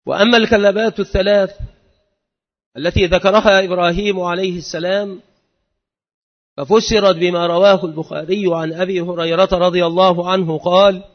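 A man reads and explains hadith in a measured, formal recitation. His voice sits high for a man. The recording is muffled and lo-fi, and a long hall reverb trails each phrase. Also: fairly even intonation. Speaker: religious teacher.

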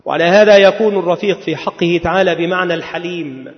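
A man giving a religious lecture at a measured pace, now and then drawing words out in a chanting lilt. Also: sits high. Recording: long hall reverb, dull lo-fi sound.

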